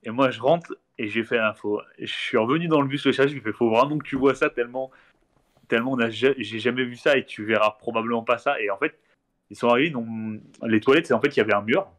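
A man's voice: mid-range voice, fast talker, a bit bright. A man joins a live talk show over a video call to tell travel stories. He rambles and restarts often and acts out the exchanges he recalls. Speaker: guest traveler. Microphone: remote video call.

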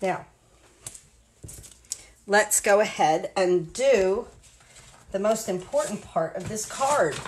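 A woman's voice: mid-range voice, slight background noise. A woman in her sixties from the United States, chatting and explaining each step as she demonstrates card making at her craft table. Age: 60s. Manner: chatty, rambling, talks through each step. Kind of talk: live card-making demo. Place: home craft table, indoors.

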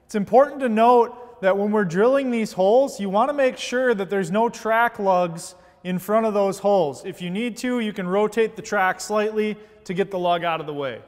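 A fairly high-pitched man in his thirties walks through an installation with steady, methodical instructions. His voice carries a long reverb from a large indoor workshop, picked up on a lapel mic. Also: moderate pace, few pauses. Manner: steady, methodical step-by-step explaining. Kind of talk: scripted how-to narration.

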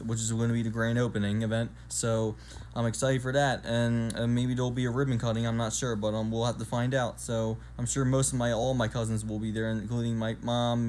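A man's voice: medium pitch, darkish tone, slight background noise. Rambling young man vlogging to camera. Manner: rambling, with many ums and restarts. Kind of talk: casual vlog talk to camera. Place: indoors, small room at home. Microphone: phone camera at arm's length.

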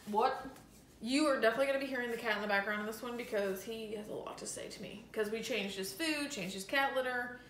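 A lifestyle vlogger chats to the camera from her home kitchen, casual and enthusiastic and dropping plenty of "like" fillers. Her voice sits on the high side with a fairly bright tone. The room is echoey, with faint background noise.

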